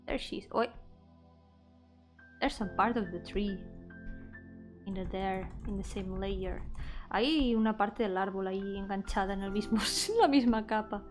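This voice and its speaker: A woman with a mid-range voice talks at a moderate pace, leaving long pauses as she thinks aloud on an art livestream. She's a VTuber art streamer and game developer, chatting casually while drawing in a playful, self-deprecating way and switching between English and Spanish. Music plays in the background.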